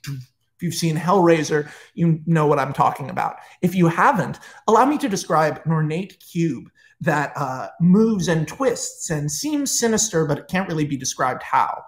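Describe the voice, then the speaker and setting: A man retelling a story in a casual, excitable way, swearing often and saying "like" a lot. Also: fairly high pitch, moderate pace. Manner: excitable, profane, full of "like". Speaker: host retelling a film pitch.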